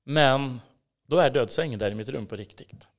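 A man with a Swedish accent telling his personal faith story in an interview, earnest and intense, sometimes dropping to a whisper. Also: medium pitch. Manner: earnest, swings between hushed whispers and emphatic bursts. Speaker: interview guest. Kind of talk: personal testimony in a casual interview.

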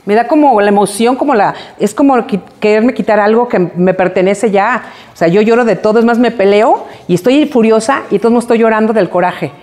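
Expressive woman co-hosting a chat. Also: a little high, a little fast, few pauses. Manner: expressive, emotional, acts out quoted phrases. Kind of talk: casual chat.

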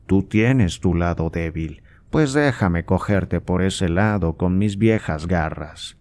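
A man puts on a sarcastic old aristocrat in an audiobook, a father who scolds and needles his grown son. The voice sits very low, slow and dark, mocking and impatient. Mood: coaxing. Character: scornful old male nobleman, impatient father. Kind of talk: audiobook character voice.

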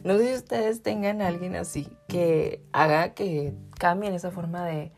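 This man hosts a podcast in a Mexican accent, chatting easily to his audience and filling gaps with plenty of "o sea." His high voice is creaky, and he keeps a moderate pace.

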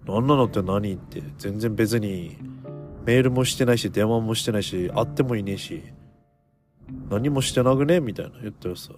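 A man talks casually and at length in a solo podcast, wandering through a story at an average pitch. His delivery stays chatty and loose, a blunt, tough-talking edge. Faint guitar music plays quietly behind him. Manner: chatty, rambling, gets heated and tough-talking. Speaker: podcast host.

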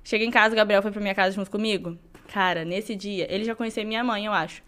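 A woman's voice: mid-range voice, fairly even intonation, fast talker, fairly bright tone. A young woman, a podcast guest telling a story animatedly and acting out other people's lines. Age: young adult. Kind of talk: casual storytelling.

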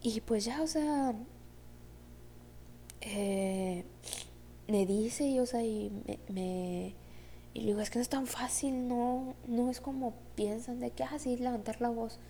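Rambling young Mexican woman, dark voice. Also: fairly high pitch, takes it slowly, slight background noise. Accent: Mexican Spanish. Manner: rambling, heavy filler "o sea, como que"; acts out quoted dialogue. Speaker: vlogger. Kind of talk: casual storytime.

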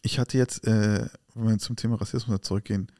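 A man talks fast and keeps acting out everyone's lines as he retells what happened. His voice is dark and mellow, and the recording is close and dry. It sounds like a casual podcast chat. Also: on the low side, no echo. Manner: animated retelling that acts out quoted dialogue. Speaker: podcast co-host. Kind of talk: casual conversation and storytelling.

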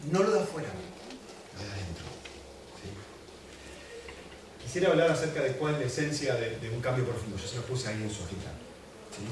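A man with a Rioplatense Spanish accent preaching a sermon as pastor, swinging between loud emphasis and soft asides. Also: mid-range voice, quick pace, pauses often. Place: church hall. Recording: echoey hall from far off, faint noise.

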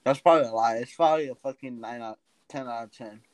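A man's voice: medium pitch, fast talker. A teenage man co-hosting a casual chat podcast, slangy and laid-back, swearing often. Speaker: podcast co-host.

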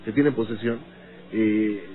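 A man's voice: fairly low pitch, fairly even intonation, unhurried. A man hosting a call-in radio show, asking brief, probing questions. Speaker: radio host. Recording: narrow phone-like sound, faint music.

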